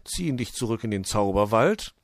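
A man's voice: lowish voice, animated, normal speed, no echo, clean studio sound. A man voicing a kindly old male owl who examines and explains with care. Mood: caring. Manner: caring, explaining.

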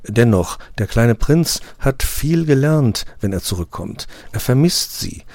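A man's voice: medium pitch, lively intonation, measured pace, gravelly, dry recording, pitched above the performer's own voice. Man reading a gallant, courteous traveler. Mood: comforting. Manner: courteous, gently comforting. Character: polite gallant male traveler from Earth.

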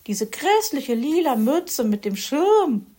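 A woman's voice: sits high, sing-song, slow pace, warm tone, pitched above the performer's own voice, heavily acted. A woman voicing a vain, fussy female magpie who talks in an affected, prim way in a children's story.

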